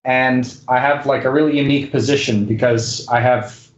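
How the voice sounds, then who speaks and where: Speaking at a moderate pace in a steady, medium-pitched tone, a man chats casually as a guest. He works as a correspondent and news anchor, is a native speaker of both English and Spanish, and his delivery is hesitant and full of fillers. The sound is lo-fi, dull and roomy.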